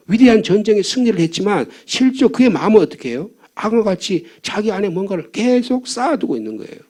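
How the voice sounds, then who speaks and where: A man's voice: fairly high pitch, darkish tone. An older man preaching a fervent dawn sermon as pastor, asking the congregation questions and repeating key points. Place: church sanctuary.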